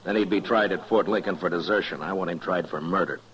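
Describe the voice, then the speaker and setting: Deep-voiced, stern Old West marshal. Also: male voice, fairly bright tone. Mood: firm, resolute. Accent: American. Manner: firm, plain-spoken, measured. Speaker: lead actor and narrator. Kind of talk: old-time radio western acting.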